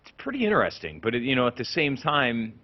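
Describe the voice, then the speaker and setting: A man's voice: mid-range voice, wildly swooping pitch, fast talker. A man co-commentating a video game match in a chatty way, asking questions. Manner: chatty, asks questions, laughs easily. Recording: dull lo-fi audio.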